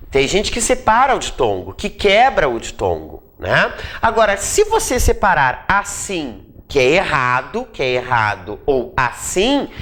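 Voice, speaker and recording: A woman teaching a grammar lesson for exam prep, explaining step by step and stretching out key words for emphasis. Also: medium pitch. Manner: drawn-out emphatic word-by-word explanations.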